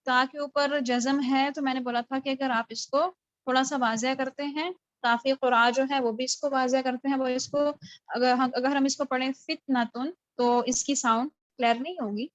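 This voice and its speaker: A woman teaching a tajweed lesson on a video call. She explains patiently and recites words slowly and drawn out. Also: high-pitched, no echo. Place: home, online video call. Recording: dull, dry call recording.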